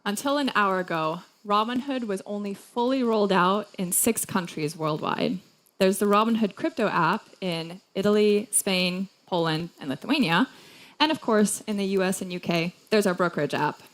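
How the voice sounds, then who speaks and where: Female executive presenter, middle pitch, composed scripted keynote delivery. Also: moderate pace, poor audio. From United States.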